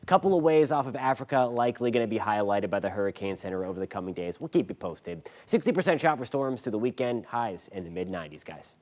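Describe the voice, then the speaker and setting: A man's voice: medium pitch, expressive, quick pace, hardly any pauses, a little mellow. Folksy American man giving a local forecast. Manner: folksy, informal local news delivery. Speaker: TV weather forecaster. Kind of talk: live local weather forecast, conversational.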